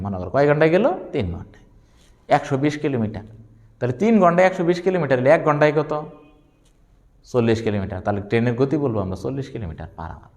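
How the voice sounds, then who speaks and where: A man, lecturing on physics, who asks questions and answers them himself and repeats key terms slowly. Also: medium pitch, in a large hall. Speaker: physics teacher. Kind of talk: classroom lecture.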